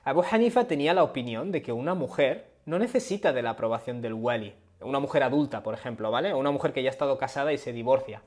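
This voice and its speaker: A man's voice: medium pitch, lively intonation, fast talker, hardly any pauses, darkish tone. A man teaching on a live stream, explaining step by step and often checking in with his listeners. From Spain. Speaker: Islamic studies teacher. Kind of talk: live-stream lecture with questions. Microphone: webcam or phone on a live stream.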